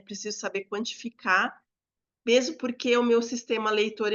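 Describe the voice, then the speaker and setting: A woman teaches a lesson to fellow educators, walking through each step patiently and stretching certain words out slowly to show them. Her voice sits at a middle pitch, and the recording sounds a little dull and lo-fi. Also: bright, forceful tone. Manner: explains step by step, drawing out words.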